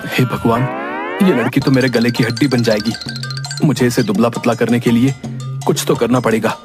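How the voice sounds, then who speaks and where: A man's voice: medium pitch, fairly even intonation, moderate pace, over music, close to an everyday voice. A man voicing a frustrated young husband who complains with exasperation. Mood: exasperated.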